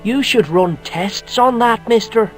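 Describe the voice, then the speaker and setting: A cocky Irish boy in a video game, high voice, tall tales, broad slang, faint music behind. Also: unhurried. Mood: cheeky. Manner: cocky, tall-tale telling, broad colloquial speech. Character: cheeky streetwise Irish boy, lippy and boastful.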